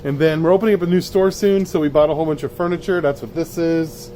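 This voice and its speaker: A man with a fairly high but soft, mellow voice walks through a warehouse, showing off stock in a casual, matter-of-fact way. He talks off the cuff like a seller, with faint noise of the space behind him. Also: steady tone, fast talker. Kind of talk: casual walk-through sales tour, off the cuff. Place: indoors in a cluttered warehouse, walking.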